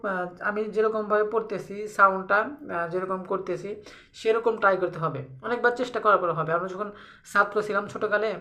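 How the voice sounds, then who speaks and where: A woman giving a casual spoken lesson on pronouncing Arabic letters, pausing often on fillers and repeating syllables slowly for practice. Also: mid-range voice, sharp tone. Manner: hesitant, many fillers, repeats letter sounds for drilling. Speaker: Arabic letter pronunciation teacher.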